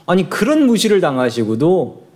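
A man preaching a sermon as a pastor, telling the story with lively, conversational delivery and acting out the figures. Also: on the high side, moderate pace. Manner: lively storytelling, acts out voices of biblical figures.

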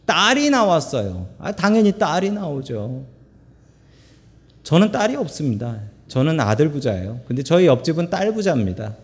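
A middle-aged man preaching a sermon, telling stories with humorous asides in an animated way, recorded in a church sanctuary. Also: fairly high pitch, normal speed. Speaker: pastor. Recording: long church hall reverb.

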